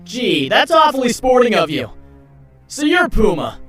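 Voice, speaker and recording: A man performs a young, harried superhero from a comic dub, high-voiced and quick to quip. He talks to himself wryly. The sound is distant and swimming in echo, with music underneath. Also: huge pitch swings, a bit bright, heavily acted. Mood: cocky, joking. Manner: wry, quippy, talks to himself. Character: young male wisecracking superhero, weary and harried. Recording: very echoey, distant, music behind.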